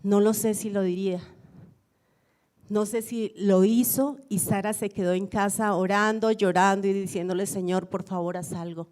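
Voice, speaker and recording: A woman pastor delivers a sermon. Her voice is mellow and warm, at an ordinary middle pitch. She tells stories reflectively and repeats phrases for emphasis. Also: fairly even intonation, normal speed. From Colombia.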